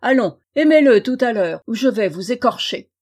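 A furious, cruel storybook king bellows his threats, as a woman reading the tale puts him on. His voice climbs high and loud with fury. His speech is harsh and bullying. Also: expressive, normal speed, slightly rough. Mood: threatening.

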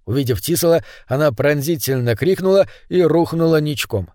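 A man reading an audiobook as narrator in an even storytelling manner. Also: a little high, moderate pace, dry recording, studio quality.

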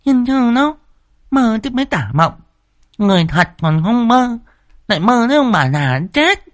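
Man voicing shrill scolding peasant wife, high falsetto, lively swooping, storybook ghost tale. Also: slow, full character voice.

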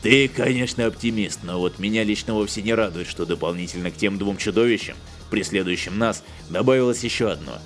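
A man reading an audiobook, voicing a dry, sarcastic male space hunter with a deadpan delivery. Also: lowish voice, brisk, hardly any pauses, faint music behind, pitched below the performer's own voice, natural voice.

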